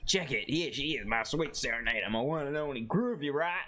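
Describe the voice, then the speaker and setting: A man plays a groovy surfer dude monk from a video game, a laid-back rocker who drawls his hippie slang. His pitch sits mid-range, with faint music underneath. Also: expressive, a little fast, bright, forceful tone. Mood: mellow, groovy. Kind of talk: amateur character voice reading of game dialogue.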